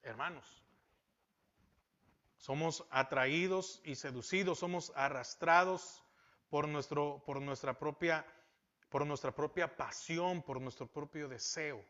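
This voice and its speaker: A man's voice: on the high side, slow pace, fairly bright tone. A male pastor teaching a Bible sermon, asking rhetorical questions and repeating key phrases. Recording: dull lo-fi sound.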